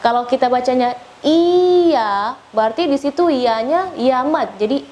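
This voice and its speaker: A woman with an Indonesian accent teaching recitation, giving feedback and over-enunciating her examples with slowly drawn-out syllables. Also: high-pitched, expressive, darkish tone. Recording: clear background noise.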